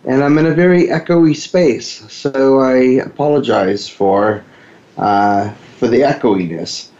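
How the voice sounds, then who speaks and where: A man hosting a talk radio show, speaking calmly and explaining ideas in a very echoey room. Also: mid-range voice, unhurried. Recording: dull lo-fi sound in an echoey room.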